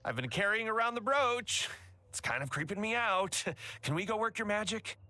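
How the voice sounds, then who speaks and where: An actor voicing an earnest, kindly middle-aged baker in a video game, with emotional, heartfelt delivery. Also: male voice, sits high, lively intonation, moderate pace, sharp tone, no echo, full character voice. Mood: uneasy.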